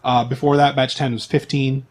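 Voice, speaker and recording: This man runs a tabletop role-playing game, explaining things in a mid-range voice with a level tone and moderate pace. His style is relaxed and chatty, with a joking edge.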